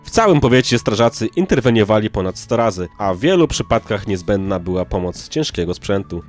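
Low-voiced male news narrator. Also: sing-song, brisk, soft background music.

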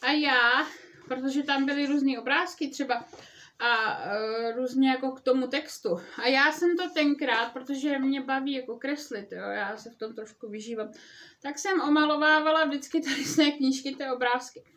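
A woman's voice: high-pitched, a bit bright. A mother chatting casually about a children's book and reading it aloud, talking with many hesitant fillers.

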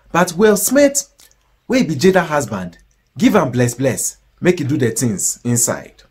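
A man in his thirties with a Ghanaian accent presenting mock-serious, deadpan comic news commentary in Pidgin. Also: a little high, slightly rough.

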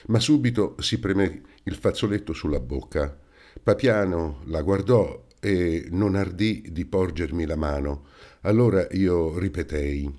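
A man narrating an audiobook in the first person, in a measured, dramatic reading. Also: low voice, a little mellow. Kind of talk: scripted narration.

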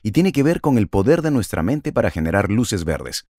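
An enthusiastic man in his forties hosts the interview in a low voice that moves around a lot in pitch. The sound is dry and close. He speaks from a home office over a video call. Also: sing-song, normal speed, darkish tone, no room sound. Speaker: host. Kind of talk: interview hosting. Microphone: video call with earphones.

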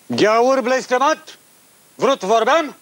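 A man playing a gruff jailer, speaking slow broken Romanian. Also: very high voice, animated, crowd noise. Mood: grumbling. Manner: broken grammar, slow and blunt. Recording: loud background noise.

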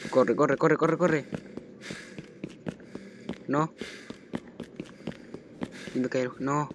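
A man giving let's play commentary on a horror game, jumpy and panicky, repeating phrases rapidly when chased. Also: medium pitch, fairly even intonation. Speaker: gaming channel host. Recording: noisy home recording.

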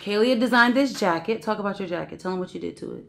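Talking fast in a gravelly, medium-pitched voice, a woman in her thirties narrates a casual family vlog. Filming handheld in a hotel room, lobby and city streets, this mother talks playfully to her baby and kids.

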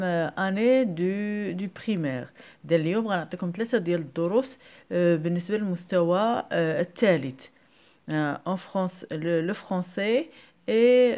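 A woman teaching a primary school lesson, hesitant with many fillers and slowly drilling syllables aloud. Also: on the low side, warm tone. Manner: hesitant, many fillers, switching into Moroccan Arabic. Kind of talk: slow spoken lesson for children.

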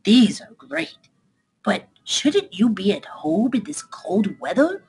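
A woman voicing a friendly, chilly otter in a children's storybook, talking in a drawn-out manner. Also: mid-range voice, very animated, vocal fry, a little mellow, slightly rough, full character voice, rough recording. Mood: grateful, concerned.

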